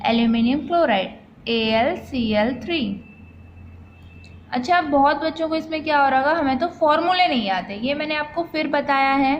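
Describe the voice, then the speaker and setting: A woman's voice: sits high, highs cut off, slight background noise. A woman teacher, explaining chemistry step by step and asking and answering her own questions, as if to children. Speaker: science teacher.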